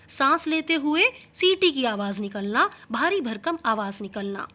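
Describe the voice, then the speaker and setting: High-voiced woman teaching a story. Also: bright, forceful tone. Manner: reads English text slowly, then explains in Hindi. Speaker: English teacher. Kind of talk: lesson reading and explaining a story.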